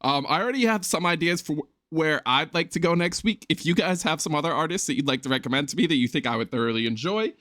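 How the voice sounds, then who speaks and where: A man's voice: a little high, lively intonation, quick pace, hardly any pauses, pushed and bright, dry recording, studio quality. A man hosting a music reaction video, talking casually with filler ums and hiccuping as he goes. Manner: chatty, rambling, with filler ums. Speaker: music reaction channel host.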